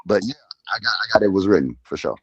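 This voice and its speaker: A man's voice: fairly low pitch, lively intonation, rapid-fire, highs cut off, a crowd in the background. A man co-hosting a casual livestream chat, easygoing and emphatic about the music he loves. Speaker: livestream co-host.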